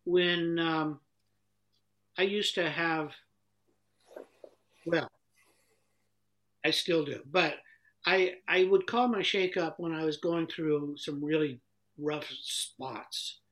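A person in casual conversation who tells a joke and gives encouraging advice, speaking haltingly with many fillers and restarts. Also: medium pitch, steady tone, fairly bright tone, rough recording. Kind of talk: casual chat, joke telling.

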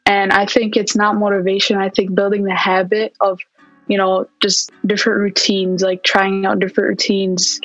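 Even-toned young woman, relaxed chat. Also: mid-range voice, moderate pace, no echo, soft background music, low-quality recording. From Palestine. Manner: relaxed, lots of "like" and "yeah". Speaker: podcast guest, fitness coach. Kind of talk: casual interview chat.

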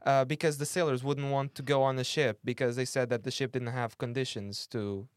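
A man's voice: mid-range voice, steady tone, fairly quick, smooth, no echo, clean studio sound. A young man co-hosting a casual podcast chat, joking, teasing and swearing freely. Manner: jokey, teasing, swears freely, puts on silly voices. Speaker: podcast co-host.

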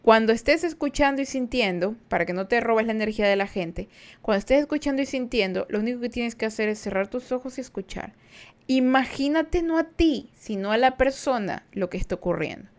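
A woman hosting a podcast, chatting casually and giving spiritual advice to her listeners in an animated way. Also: fairly quick. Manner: animated, mimics people in a high put-on voice. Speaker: podcast host.

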